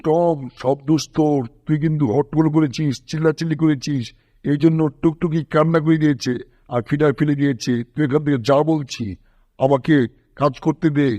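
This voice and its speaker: A man's voice: on the high side, flat delivery, a little fast, dark tone, no echo, lo-fi sound, natural voice. A man voicing a bossy male bulldog in a cartoon dub, who scolds the cat and coos over a baby. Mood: scolding. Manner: scolding, then cooing baby talk.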